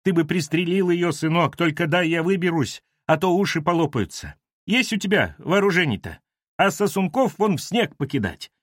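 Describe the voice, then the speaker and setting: A man voicing a coarse, bossy older woman who manages a building and screeches and scolds in a tearful high voice. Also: lively intonation, moderate pace, no echo, clean studio sound. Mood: tearful scolding.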